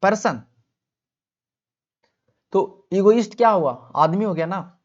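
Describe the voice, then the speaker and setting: In this online vocabulary lesson, a male teacher whose voice sits high asks questions and then answers them himself. He stretches words out slowly for listeners to repeat, and the recording sounds muffled.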